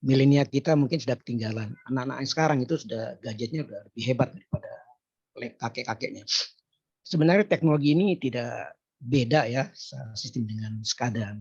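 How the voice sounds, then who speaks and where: Hoarse husky guy explaining stuff in a meeting, lots of ehs, muffled audio. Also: mid-range voice, darkish tone. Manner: explanatory with frequent hesitations. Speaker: participant asking a question. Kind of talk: casual discussion talk.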